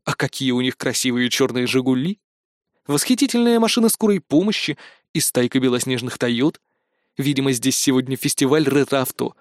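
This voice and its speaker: A man narrating an audiobook in a lively, ironic storytelling manner. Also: mid-range voice, a little fast, dry recording, studio quality. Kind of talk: audiobook reading.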